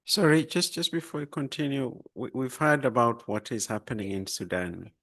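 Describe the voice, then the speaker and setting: A man's voice: mid-range voice, moderate pace, a bit bright. A man informally moderating a round of introductions, putting questions to the group. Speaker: session moderator.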